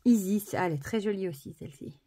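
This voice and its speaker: A woman presenting an oracle card deck, softly admiring each card and then reading the booklet text aloud. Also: medium pitch, fast.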